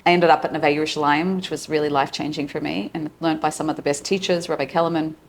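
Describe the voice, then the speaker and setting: A woman's voice: sits low, steady tone, fast, slight background noise. A middle-aged woman with an Australian accent, a psychologist guest candidly telling her personal story in conversation.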